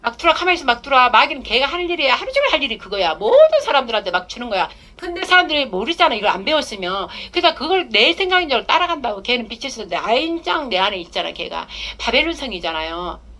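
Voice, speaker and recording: A woman's voice: a little high, sing-song, racing, few pauses, sharp tone. A middle-aged woman pastor preaching a testimony sermon in an emphatic, conversational way, acting out prayers aloud.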